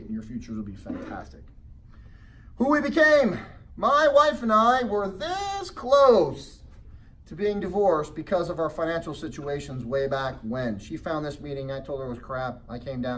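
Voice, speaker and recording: Animated man pitching from the stage. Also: far from the mic, slight background noise. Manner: animated storytelling with frequent rhetorical check-ins. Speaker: real estate investing seminar presenter. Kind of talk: motivational sales seminar talk.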